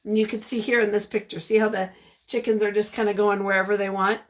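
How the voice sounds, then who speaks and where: A woman reads a picture book aloud in a teacherly way, expressive and encouraging, stopping now and then to ask her young listeners questions. Her voice sits at a medium pitch.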